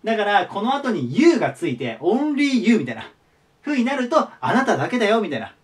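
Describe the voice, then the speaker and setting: High, lively-voiced man teaching vocabulary. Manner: repeats each word slowly and clearly; friendly polite explaining tone. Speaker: English teacher. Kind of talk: casual online vocabulary lesson. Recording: voice a bit far from the mic.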